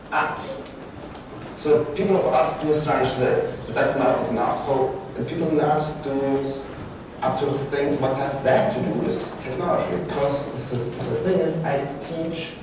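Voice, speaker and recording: Man, halting presenter, big echoey brick room, distant mic. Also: on the high side, background noise. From Peru. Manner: halting, searching for words, self-correcting. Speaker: guest speaker, art faculty lecturer. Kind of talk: conference presentation. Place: large brick-walled event room, indoors. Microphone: far room camera, no mic.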